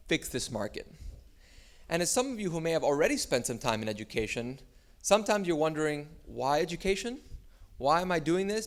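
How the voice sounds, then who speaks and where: A man from Miami speaks to an audience about his work. His voice sits at a middle pitch, and his delivery is unpolished and talky, full of fillers and self-corrections. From Miami, United States. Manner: relaxed, loose delivery with frequent "uh" and restarts. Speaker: startup founder giving a talk. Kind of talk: conference talk.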